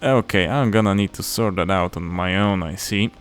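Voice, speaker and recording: A man's voice: deep voice, normal speed, clean tone. A man playing a video game and commenting casually, with wry, rambling asides. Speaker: let's play host. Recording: commentary over game music.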